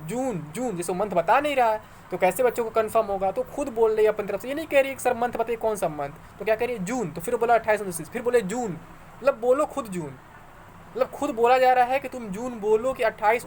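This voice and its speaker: Speaking with a high, slightly mellow voice, this man runs an exam news YouTube channel. His commentary for viewers is casual and explanatory yet argumentative, driving points home through repetition. A little hiss or hum can be heard.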